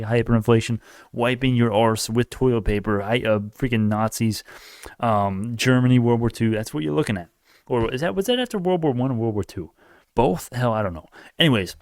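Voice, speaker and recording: A man's voice: mid-range voice, a little mellow, no echo, studio quality. A man in his late teens rambling through an opinionated political rant, often restarting and correcting himself. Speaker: YouTube commentator. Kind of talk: casual political rant to camera.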